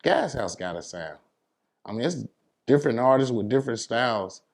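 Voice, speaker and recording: An expressive man from New York City, interviewed casually as a DJ, speaks at normal speed in a darkish mid-range voice. His advice comes out emphatic, informal, and full of slang.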